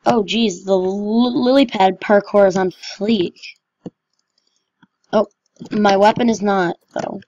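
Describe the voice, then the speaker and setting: Woman, gaming channel host, casual gameplay commentary, self-mocking, unhurried delivery, dull lo-fi recording. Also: mid-range voice, a little mellow, no echo.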